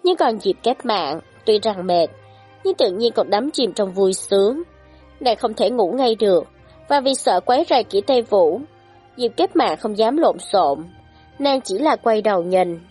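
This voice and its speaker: Breathy, expressive woman narrating a story. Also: mid-range voice, a little slow, faint music behind. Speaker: audiobook narrator.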